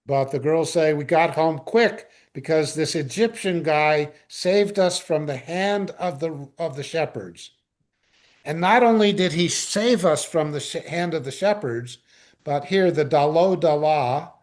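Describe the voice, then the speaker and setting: A man teaching a Hebrew Torah study class, explaining verses slowly and acting out the characters with playful humor. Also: fairly high pitch, darkish tone. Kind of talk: informal class lecture. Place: study class in a synagogue room.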